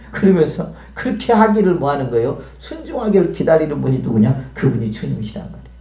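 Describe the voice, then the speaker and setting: Korean pastor preaching in an echoey hall. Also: male voice, on the high side, big pitch swings, moderate pace, dark tone. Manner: conversational preaching, asks the congregation questions. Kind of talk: sermon. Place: church hall.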